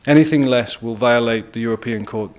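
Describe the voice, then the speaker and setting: British male lawyer, mid-pitched, formal and deliberate briefing delivery. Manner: measured and deliberate, stressing key words. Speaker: international lawyer speaking at a press briefing. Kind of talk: formal legal presentation.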